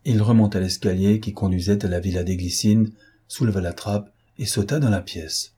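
A man narrating a novel as an audiobook, in steady, measured storytelling. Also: fairly low pitch, breathy edge.

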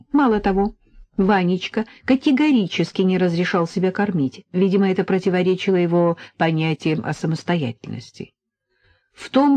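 A woman narrating a novel for an audiobook in an expressive storytelling manner. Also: fairly low pitch, dry recording. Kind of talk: scripted narration. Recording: dull lo-fi recording.

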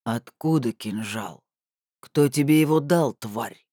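A man voicing a huge, contemptuous male thug in an audiobook, speaking in slow, low, growling threats. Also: warm tone, no echo, studio quality. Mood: menacing. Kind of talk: audiobook character voice.

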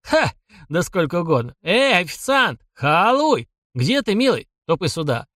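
A man's voice: high voice, sing-song, moderate pace, sharp tone, no echo, studio quality, voice pushed up, exaggerated voice. A man voicing a boorish drunken rich man, swaggering and mocking, in an audiobook. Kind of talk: audiobook character voice.

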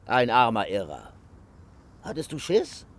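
A jovial mocking young prankster. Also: male voice, mid-range voice, wildly swooping pitch, unhurried, fairly bright tone, full character voice. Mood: scornful. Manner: mock-preaching, teasing, theatrical. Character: boisterous young man mocking priests, jovial. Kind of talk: radio drama acting.

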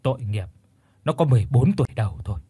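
A man voicing a somber old village uncle, a fisherman who speaks in a deep, hoarse, grave voice. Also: expressive, fast, mellow, no echo.

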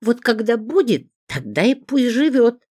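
A woman voicing a quarrelsome, coarse female neighbor who yells and scolds. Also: deep voice, big pitch swings, unhurried, no room sound, studio quality, exaggerated voice. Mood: scolding.

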